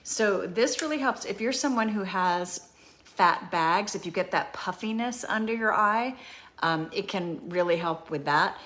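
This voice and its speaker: A woman in her fifties hosting a casual beauty product demonstration, chatty and often pausing on "um". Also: medium pitch, expressive, fairly bright tone. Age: 50s. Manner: chatty, with frequent ums. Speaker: beauty show host.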